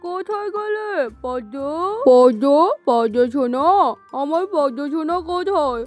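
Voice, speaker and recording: A woman's voice: high voice, unhurried. A woman voicing a foolish, lovesick old male landlord in a cartoon, pleading and dreamy. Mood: fretful. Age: middle-aged. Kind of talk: cartoon voice acting. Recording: faint music underneath.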